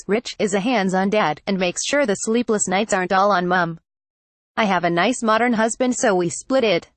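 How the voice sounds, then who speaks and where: A woman reading a news article aloud in a steady, even manner, web page clutter included. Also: mid-range voice, no room sound. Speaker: article reader.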